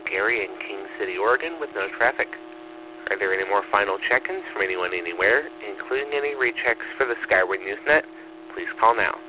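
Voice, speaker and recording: A man running a ham radio net, acknowledging check-ins in steady, formal phrasing, heard as a radio transmission with static. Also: on the low side. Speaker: net control operator. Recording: tinny radio line with static.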